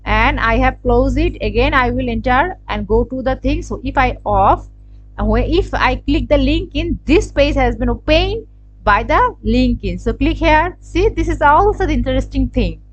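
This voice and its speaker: A woman from Bangladesh with a Bangladeshi English accent, hosting a screen-recorded software tutorial, hesitant and thinking aloud with many fillers. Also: high voice, animated, normal speed, muffled recording, slight background noise. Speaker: tutorial channel host. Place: indoors at a computer.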